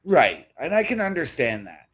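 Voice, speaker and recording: A man's voice: on the high side, huge pitch swings, normal speed, a bit bright, slightly rough. A man co-hosting a casual podcast, laid-back and mostly giving brief replies. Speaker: co-host.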